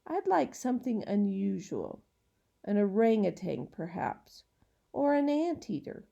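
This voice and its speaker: A woman voicing a thoughtful, sensible boy in a children's story, speaking in a measured way. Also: mid-range voice, very animated, gravelly, mellow, dull audio, full character voice.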